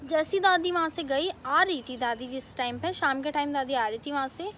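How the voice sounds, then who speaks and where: A young woman vlogger telling a family story in a casual, animated way, with many fillers. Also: high-pitched, slight background noise. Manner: animated retelling, quick bursts, many fillers.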